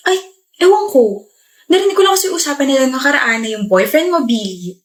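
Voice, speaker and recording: A woman's voice: high-pitched, lively intonation, fairly quick. A woman acting in a comedy skit, talking in a sassy, mocking way.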